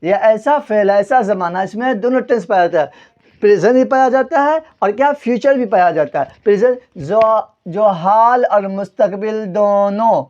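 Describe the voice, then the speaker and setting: Heard through lo-fi sound, a man with a high, darkish voice teaches Urdu grammar at a board. He asks the class one question after another, answers them on his own, and spells words out letter by letter.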